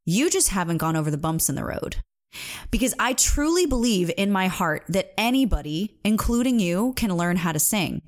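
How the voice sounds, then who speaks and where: A woman in her thirties, a singing coach, giving an earnest, emphatic motivational talk with personal stories. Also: medium pitch.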